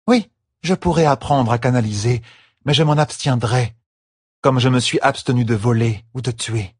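A man's voice: medium pitch, normal speed, darkish tone, husky, no room sound, clean studio sound, voice pushed up, lightly acted. A man voicing an imperious young noblewoman in an audiobook, giving clipped, haughty orders. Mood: commanding. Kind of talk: audiobook character voice.

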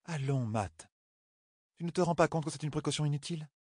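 A man's voice: medium pitch, lively intonation, brisk, fairly bright tone, no room sound, clean studio sound, voice pushed up. A man reading an audiobook, voicing a short-tempered young woman who insists she is not angry. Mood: coaxing. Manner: clipped, insisting, barely holding back anger. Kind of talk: audiobook character voice.

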